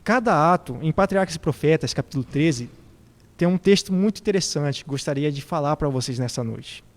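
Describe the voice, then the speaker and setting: A man's voice: a little high, expressive, brisk, big-room sound. A man preaching a reflective sermon who poses questions to his congregation.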